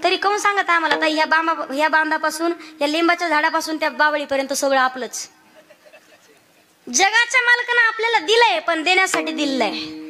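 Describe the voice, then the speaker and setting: Bright high-voiced woman kirtan preacher. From Maharashtra, India. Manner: questions the audience and sings verses slowly. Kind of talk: devotional kirtan sermon with sung verses.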